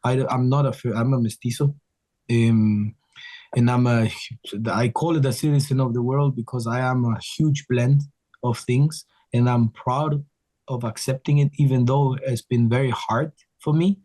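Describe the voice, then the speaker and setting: In a relaxed interview, an Ecuadorian man appearing as a guest musician rambles earnestly, frequently starting his sentences over. He has a mid-range, warm voice with fairly even intonation and a normal speed.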